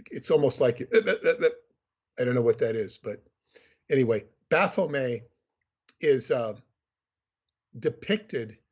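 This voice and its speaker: A man with a husky, breathy voice explains things in a measured, lecturing way. He speaks as a podcast guest over a remote call. The audio is muffled and lo-fi. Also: medium pitch, a little mellow. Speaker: guest author.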